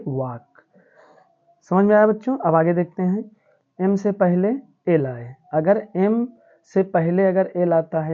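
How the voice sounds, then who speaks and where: A woman teacher explaining English spelling rules to students in a patient, repetitive classroom manner. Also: lowish voice. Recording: tinny phone-like audio.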